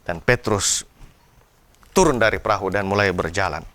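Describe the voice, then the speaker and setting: A man's voice: low voice, normal speed, a bit bright, no room sound. A man preaching a devotional sermon in an earnest way, with an Indonesian accent, raising his voice when he cries out to God. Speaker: pastor.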